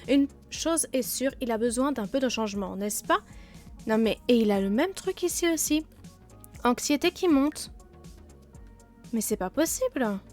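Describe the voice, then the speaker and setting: A woman with a cold comments on her game in a fairly high, chatty voice. She jokes at her own expense, filling her sentences with hesitations. Faint music plays underneath. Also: expressive, unhurried, long pauses. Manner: chatty, self-mocking, many fillers. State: sick, blocked nose and sore throat. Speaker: let's play host.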